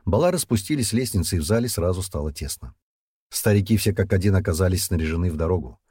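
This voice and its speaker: A man narrating a fantasy novel as an audiobook in a steady, low-key way. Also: fast talker, slightly rough, dry recording, studio quality. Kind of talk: scripted fiction narration.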